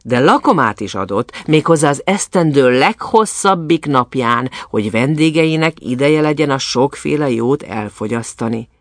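A man reading a fairy tale aloud in an expressive, storytelling manner. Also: mid-range voice, hardly any pauses, no room sound, clean studio sound.

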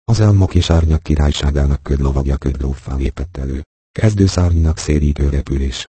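A man voicing a loyal, good-humoured soldier with a gruff, wry way of talking. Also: extremely low pitch, dark tone, dry recording.

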